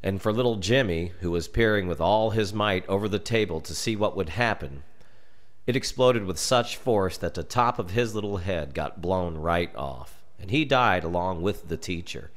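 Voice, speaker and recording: An American man with a low voice narrates a scripted children's horror story, telling it in a deliberate, dramatic way.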